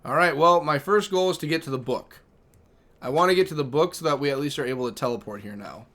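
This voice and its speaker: A man's voice: on the high side, fast talker, a bit bright. A man streaming a game, chatting casually and telling stories about his pets between game moves. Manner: chatty, storytelling, reads chat aloud. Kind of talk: casual livestream chat.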